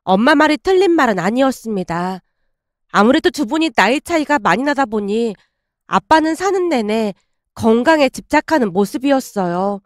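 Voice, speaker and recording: Female storyteller, scripted first-person narration; high voice, dry close recording. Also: animated, normal speed, dry recording.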